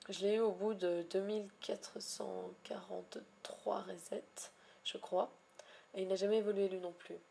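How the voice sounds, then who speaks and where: A woman vlogging about her shiny hunts in a wordy, elaborate way, pausing often with hesitations and gushing affectionately at times. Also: medium pitch, warm tone. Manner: ornate, wordy phrasing with frequent hesitations. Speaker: Pokémon shiny hunter vlogger. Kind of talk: casual vlog narration.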